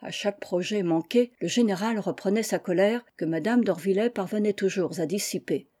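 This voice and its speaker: A woman reading a classic children's novel aloud in calm, even storytelling. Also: medium pitch, normal speed. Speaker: audiobook reader.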